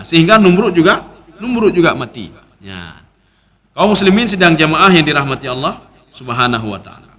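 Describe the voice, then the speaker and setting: A man with an Acehnese accent preaches to a mosque gathering in a high, bright voice. He talks conversationally, tags his sentences with direct address to the listeners, and drops into local dialect when quoting people. His tone carries a forceful, ringing edge. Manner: conversational, often ending lines with "Pak" to the audience. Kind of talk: mosque study-circle sermon.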